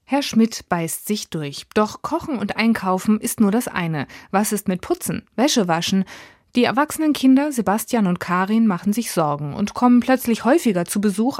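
A woman presenting an audiobook in calm, measured scripted narration. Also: medium pitch, no echo, clean studio sound.

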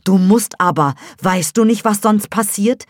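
A woman's voice: mid-range voice, measured pace, no echo, clean studio sound, pitched above the performer's own voice, close to an everyday voice. A woman reading as a stern, scolding village midwife. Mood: harsh scolding. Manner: loud, scolding, commanding. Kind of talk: audiobook reading for radio.

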